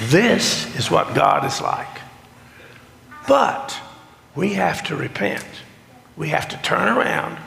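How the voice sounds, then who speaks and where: A man preaching as a pastor in a strangled, choked-up, congested voice, hoarse from a sinus infection, with a deliberate, folksy delivery. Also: on the high side, fairly bright tone, slight background noise. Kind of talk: sermon, children's talk and scripture reading. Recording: long echo of a large hall.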